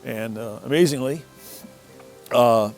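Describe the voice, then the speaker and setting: A man's voice: medium pitch, slow, darkish tone, soft background music. A middle-aged man telling a casual, rambling story from his shed workshop, often restarting and repeating words. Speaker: motorcycle owner telling a story.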